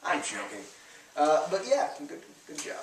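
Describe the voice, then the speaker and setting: A man's voice: on the high side, huge pitch swings, unhurried, creaky. A young man co-hosting a casual podcast, bantering and joking as he wraps up the show. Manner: jokey, rambling sign-off banter. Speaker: podcast co-host. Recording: echoey room, mic at a distance, faint noise.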